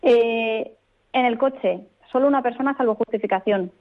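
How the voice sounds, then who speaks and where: A woman legal expert speaking as a radio guest, explaining rules in a clear, firm, methodical way. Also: on the high side, normal speed. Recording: tinny phone line.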